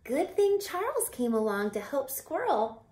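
Her voice sitting high, a woman in her thirties reads a picture book aloud like a teacher, animated yet deliberate, drawing out her phrasing, whispering at times, and turning to the young listeners with asides. A home camera mic records her in a small room by a window, leaving a roomy echo.

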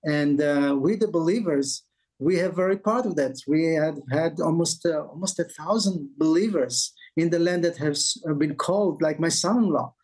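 A middle-aged Israeli man with a slightly raised pitch and an Israeli accent, talking as a guest over a webcam from his home office. He speaks earnestly, pausing often with fillers as he searches for words. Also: a little mellow, rough recording. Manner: earnest, halting with many fillers. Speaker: pastor. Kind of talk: interview guest on video call. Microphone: video call webcam.

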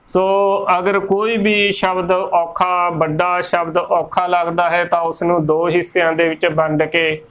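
A Punjabi-accented man gives an unhurried lesson on pronouncing scripture correctly. His voice sits high and smooth, with a steady, level delivery. He spells out each word letter by letter, recorded on a close mic. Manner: spells words letter by letter, repeating correct and wrong forms. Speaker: Gurbani pronunciation teacher. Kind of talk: slow methodical pronunciation lesson.

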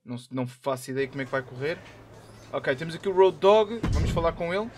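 Excitable Portuguese gamer yelling over game music. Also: male voice, a little high, quick pace. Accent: European Portuguese. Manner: excitable, shouting and trash-talking at the game. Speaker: gaming YouTuber. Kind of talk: live gameplay commentary.

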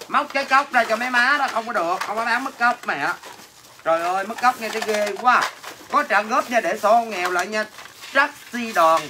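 A man's voice: sits high, expressive, normal speed. A man with a Southern Vietnamese accent selling snacks in a comic livestream, teasing viewers and brashly answering their comments. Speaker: livestream seller. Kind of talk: comic livestream sales banter. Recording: noisy with clattering dishes.

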